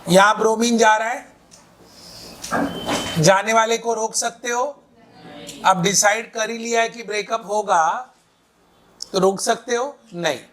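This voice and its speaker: A man's voice: high voice, a little slow, long pauses, background noise. A man teaching chemistry in a classroom lecture, quizzing students with repeated questions and mixing in playful breakup jokes.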